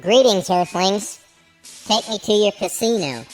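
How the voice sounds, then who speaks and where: A male alien head kept alive by machines speaks in stiff, overly formal sentences, as a woman puts him on. He is a devoted [name] fan and plays co-host on a low-budget comedy show, with a middle-pitched voice and faint music playing underneath. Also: animated, measured pace, close to an everyday voice. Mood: prim, formal. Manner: formal, stilted phrasing. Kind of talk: comedic sketch acting.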